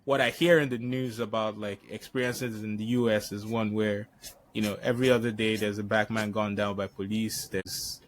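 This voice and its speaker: A Nigerian-raised man hosts a podcast interview in a conversational style. His voice sits lowish with little pitch movement and a normal speed. He speaks hesitantly, often repeating words while he thinks.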